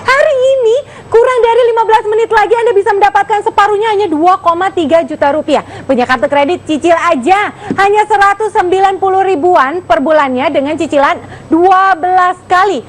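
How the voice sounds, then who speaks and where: Very high-pitched infomercial saleswoman. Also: a little fast. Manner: gushing, excitable, addresses viewers directly. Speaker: home shopping host.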